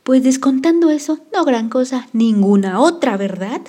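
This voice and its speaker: A woman reading an audiobook, voicing a loud, excitable, foul-mouthed young man who teases and shouts at his best friend. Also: medium pitch, moderate pace, close to an everyday voice. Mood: excited. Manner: shouting, teasing, exclamatory.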